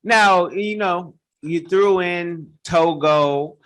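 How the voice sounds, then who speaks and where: Bright-voiced male podcast host. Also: high voice, extremely slow. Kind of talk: podcast interview.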